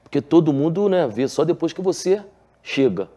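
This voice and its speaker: A Brazilian ex-footballer from Rio de Janeiro, with a Carioca Portuguese accent, earnestly relates his story on a relaxed TV interview, using lots of filler tags and restarts. His voice sits on the high side with a dark tone and big pitch swings, and he talks at a moderate pace. The sound is lo-fi.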